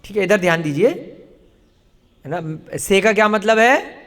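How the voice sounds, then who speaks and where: With an unhurried, fairly bright, high-sitting voice, a man teaches a classroom lesson, quizzing students with repeated questions he then answers himself. A long hall reverb colors the recording.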